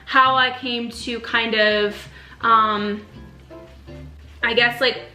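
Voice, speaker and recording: A woman's voice: fairly high pitch, steady tone, extremely slow, sharp tone. A young woman born in Romania, earnestly chatting in a casual sit-down faith vlog, with many ums and likes. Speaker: faith vlogger. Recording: roomy echo with faint music.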